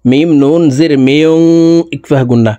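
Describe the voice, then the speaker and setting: A man's voice: a little high, mellow, no room sound. Man teaching Quran recitation. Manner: slow drawn-out melodic recitation alternating with brisk explanation. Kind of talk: spelling out and reciting Quran verses for learners.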